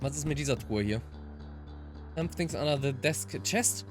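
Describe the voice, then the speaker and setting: This German-native let's player moves from dramatic read-alouds of visual novel lines to quiet muttered remarks. Her voice is low, expressive, and moderately paced, backed by game music.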